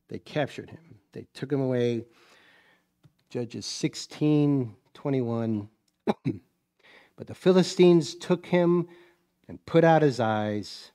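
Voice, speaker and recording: A man's voice: medium pitch, a little mellow. Male preacher, folksy sermon storyteller who acts out the scenes. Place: church.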